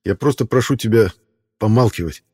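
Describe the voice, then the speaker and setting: A man's voice: lowish voice, a little fast, darkish tone, voice pushed up, close to an everyday voice. A man reading aloud voices a composed surgeon, speaking firmly and reasonably. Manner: firm, reasoning. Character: calm doctor, surgeon, measured adult man.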